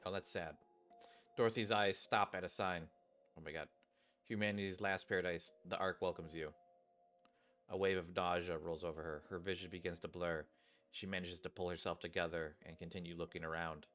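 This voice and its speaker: A male gaming streamer with a deep, slightly bright voice talks a little fast in a fairly even tone. He rambles casually to his viewers, mixing game commentary with reading story text aloud, while game music plays behind him.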